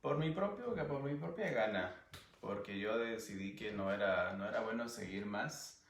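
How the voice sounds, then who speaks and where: A man from Guatemala with a Guatemalan Spanish accent, giving an earnest personal testimony as an interview guest, sometimes pausing to search for words. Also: lowish voice, echoey room, recorded from a distance. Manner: earnest, searching for words, animated when recounting.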